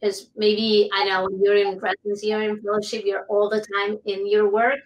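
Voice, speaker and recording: A woman's voice: medium pitch, little pitch movement, moderate pace, recorded from a distance, lo-fi sound, slight background noise. A woman presenting her research on a panel, hesitant and full of fillers. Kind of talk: panel discussion.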